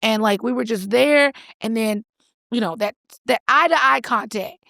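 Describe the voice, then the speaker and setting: A woman co-hosting a podcast, telling a story in casual chat, animated and swearing casually as she acts out what people said. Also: fairly high pitch, unhurried, creaky, dry recording, clean studio sound. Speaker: podcast co-host.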